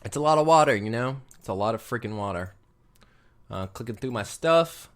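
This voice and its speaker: Co-hosting a podcast at home, a man chats casually and playfully with his wife into a desk microphone, joking around in a room with the lights off. His voice is medium-pitched, animated, and fairly quick.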